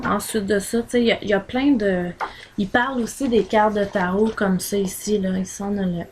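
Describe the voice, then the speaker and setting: A woman's voice: fairly high pitch, slight background noise. A woman with a Québécois accent, chatting casually in a home vlog and rambling with many fillers as she holds items up to the camera. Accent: Québécois French. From Quebec. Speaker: vlogger recommending books.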